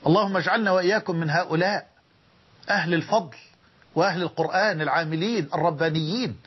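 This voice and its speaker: A man preaching with an Egyptian accent, an older speaker telling stories with emotion and dramatic pauses. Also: a little high, breathy edge, highs cut off. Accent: Egyptian Arabic. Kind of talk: sermon.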